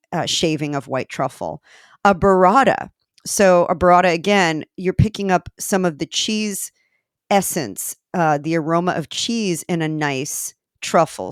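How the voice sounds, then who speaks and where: A woman's voice: on the low side, no echo, clean studio sound. A woman hosting a solo podcast, talking in a chatty way with self-deprecating asides and a few fillers. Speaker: podcast host.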